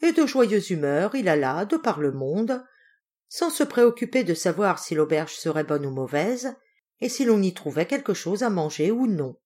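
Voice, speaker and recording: Lively woman reading a fairy tale. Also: lowish voice, normal speed. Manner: expressive, lilting read-aloud. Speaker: storyteller. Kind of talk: fairy tale read aloud.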